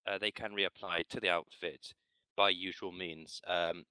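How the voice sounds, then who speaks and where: A man reporting as a clan's roster officer in a casual voice-chat meeting, speaking haltingly with frequent restarts, over a headset mic. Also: sits low, fairly even intonation, sharp tone, clear, resonant tone, dry recording, rough recording.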